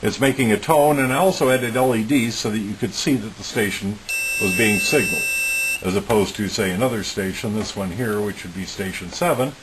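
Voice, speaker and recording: An electronics hobbyist presents a homemade project in an informal, methodical demonstration, plain-spoken and matter-of-fact. His voice is on the low side and a little fast, and the recording is clearly noisy with hiss.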